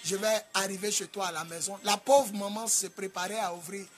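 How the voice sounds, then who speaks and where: A man with an Ivorian French accent preaching a sermon in a sing-song cadence, rising to loud shouted commands. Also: sits high, steady tone, fairly quick, over loud music. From Côte d'Ivoire. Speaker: apostle preacher.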